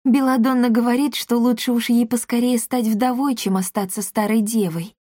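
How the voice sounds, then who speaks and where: A woman's voice: fairly high pitch, steady tone, moderate pace, mellow, no echo, clean studio sound, voice pushed up, close to an everyday voice. A woman voicing a sly, playful young girl in love.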